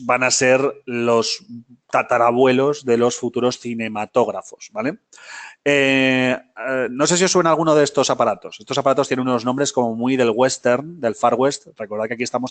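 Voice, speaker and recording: A man teaching a film history class live, talking casually, often checking in with his students and correcting himself as he goes. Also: medium pitch. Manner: many fillers and self-corrections.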